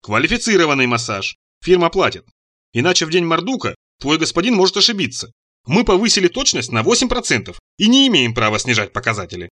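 A man voicing a pompous male boss in an audiobook, handing out slow, solemn, deliberate instructions. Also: fairly high pitch, very animated, sharp tone, heavily acted. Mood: instructive. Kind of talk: audiobook character voice.

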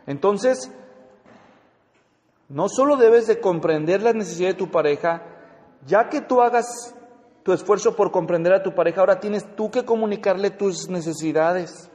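A man giving a lively, joking seminar talk and acting out spouses' lines. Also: high voice, moderate pace. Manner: animated, jokey, acts out spouses' lines. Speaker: marriage counselor and speaker. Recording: dull, lo-fi sound in a reverberant hall.

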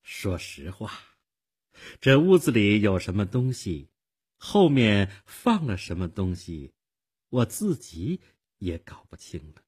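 A man reading the lines of a smooth-talking male con man, husky and sympathetic, in a radio storybook. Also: on the low side, big pitch swings, slow pace, darkish tone, exaggerated voice.

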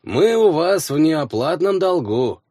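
A grave old half-elf village elder, as a male narrator puts her on, her voice scratchy and creaking. She speaks slowly and respectfully, with a lively rise and fall, close and dry in an audiobook reading. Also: a little high, no room sound, pitched above the performer's own voice, exaggerated voice. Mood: solemn.

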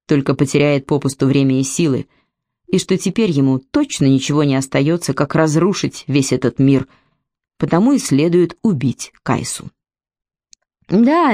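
Female audiobook narrator, low and measured, dry studio sound. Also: dark tone, no room sound. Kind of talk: storytelling read aloud.

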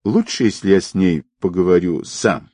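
A man voicing a composed, persuasive man who speaks calmly and with quiet confidence. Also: deep voice, no echo, studio quality. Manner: calm, measured, persuasive.

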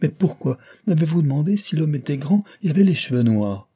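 A man reading aloud voices a sickly, anxious older woman who talks in a hushed, plaintive way. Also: on the high side, very animated, a little fast, husky, pitched above the performer's own voice. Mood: fearful, plaintive. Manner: fearful, plaintive.

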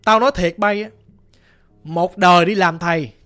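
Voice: mid-range voice, fairly even intonation, moderate pace, fairly bright tone, natural voice. A self-assured old village exorcist, put on by the storyteller, speaking bluntly in a Southern Vietnamese accent. He orders the crowd about as if nothing could scare him. Faint music sits under this ghost story. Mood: assured, gruff. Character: gruff, confident old male village exorcist.

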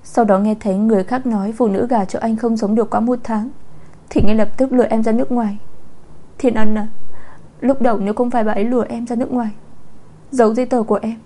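Female narrator doing a high, pleading young woman, clingy and sobbing, mellow-toned storybook voice. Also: fairly even intonation, fast, natural voice. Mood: bitter complaining. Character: frightened tearful young woman clinging to her lover.

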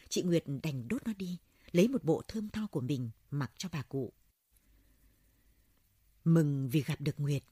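A woman reads a story aloud in a steady audiobook style. Her voice is low and husky, with a warm, dark color. The sound is dry and close. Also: no room sound. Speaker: narrator. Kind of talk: audiobook narration.

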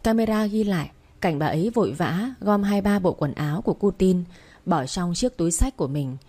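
Woman narrating in a low, mellow voice. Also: lively intonation, moderate pace. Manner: emotional, earnest storytelling. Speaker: audiobook narrator. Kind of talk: first-person story narration.

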